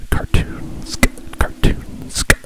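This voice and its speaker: Man whispering ASMR, repeating himself. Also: takes it slowly. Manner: soft unvoiced whisper, repeats phrases over and over; playful, goofy asides. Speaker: ASMR streamer.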